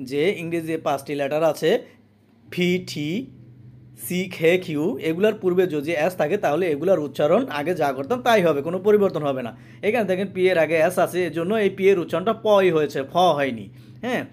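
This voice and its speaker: Higher-voiced man teaching pronunciation. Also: a little mellow, slight background noise. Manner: slow, repeats each word and meaning twice. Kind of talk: spoken language lesson.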